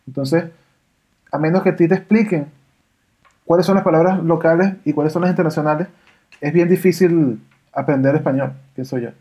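A woman, chatting on a podcast as co-host, opinionated and animated. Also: low voice, fairly quick, pauses often. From Venezuela. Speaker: podcast co-host, audio engineer. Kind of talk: casual podcast chat. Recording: dull lo-fi audio.

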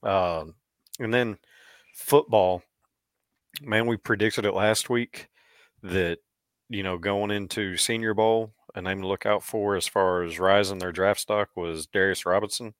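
Low-pitched Missouri man, relaxed sports podcast co-host, chuckles a lot, dry close mic. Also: measured pace, clear, resonant tone, dry recording. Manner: chatty, laughs often, restarts. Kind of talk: casual sports chat.

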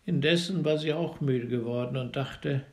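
A man reading a fairy tale aloud in an expressive, dramatic way, dropping to a hush at times. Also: mid-range voice, normal speed. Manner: expressive, dramatic storytelling with hushed passages. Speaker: storyteller.

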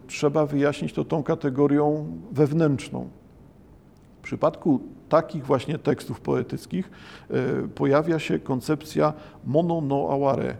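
A man giving a slow, reflective lecture, pausing often and hesitating between phrases. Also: a little high, creaky, mellow. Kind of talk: lecture on Japanese poetry.

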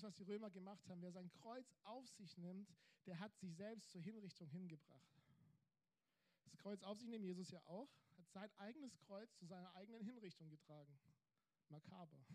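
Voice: mid-range voice, darkish tone. A preacher delivering an emphatic sermon, building points through repeated phrases and rhetorical questions.

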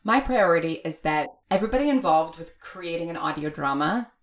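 A woman with a lowish voice speaks briskly as an interview guest; she writes and produces audio fiction. She's candid and opinionated, chatting casually and dropping "like" again and again.

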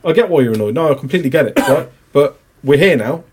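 A man talking at a rapid clip in a slightly raised voice. He chats on a podcast and acts out both sides of sales calls, laughing and swearing as he goes. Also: on the high side, lively intonation, husky. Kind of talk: casual podcast chat.

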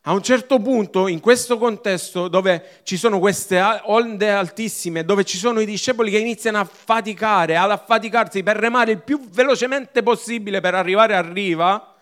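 A male pastor preaching a sermon with emphatic, repetitive phrasing that drops from loud to hushed. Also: high-pitched, moderate pace.

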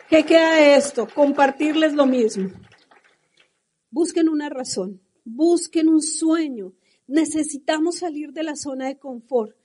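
High-voiced passionate Colombian woman. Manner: passionate storytelling, animated. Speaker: motivational speaker. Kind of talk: motivational talk to a live audience.

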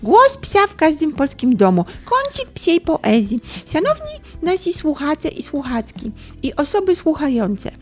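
A woman voicing an excitable, bossy dog who hosts a poetry corner in a comic sketch, squealing and giggly. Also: sits high, unhurried, full character voice. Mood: playful. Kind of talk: comic role-play sketch.

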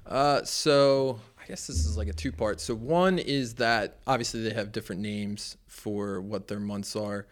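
A man's voice: on the low side, a little slow, few pauses. A young man who preaches, talking casually on a podcast in a rambling way with lots of fillers. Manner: rambling, conversational, with many fillers. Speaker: pastor and podcast co-host.

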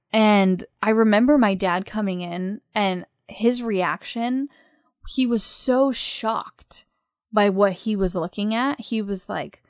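A young woman talks on a podcast, candid and chatty, and tells a personal story with plenty of fillers and false starts. Her voice sits at a middling pitch. The recording is close and dry, with no room sound around her. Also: no room sound. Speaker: podcast host.

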